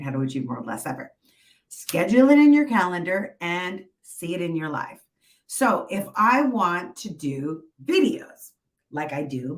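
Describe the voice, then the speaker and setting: A middle-aged woman speaking as a life coach, giving a chatty, emphatic motivational talk straight to viewers. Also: on the low side. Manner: chatty, emphatic pep-talk delivery with rhetorical check-ins. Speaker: motivational speaker and coach hosting a live stream.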